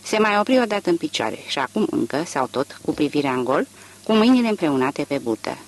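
Expressive man reading a novel aloud. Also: on the high side. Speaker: audiobook narrator. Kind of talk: literary audiobook reading.

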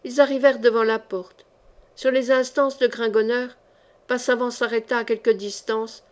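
A woman narrating an audiobook novel in a measured, expressive reading. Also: a little high. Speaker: audiobook reader.

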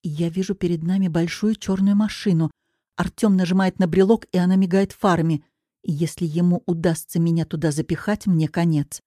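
A woman narrating a first-person audiobook in an expressive, dramatic reading, recorded on a close mic. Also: fairly low pitch, moderate pace, dry recording.

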